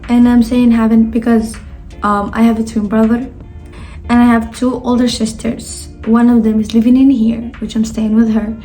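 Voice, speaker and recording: A nineteen-year-old vlogger from Spain chats casually in a sit-down Q&A, rambling with lots of fillers and self-corrections. Her voice is on the high side and mellow, flat in delivery at a normal speed. She's indoors at her sister's home, with soft background music on a rough recording.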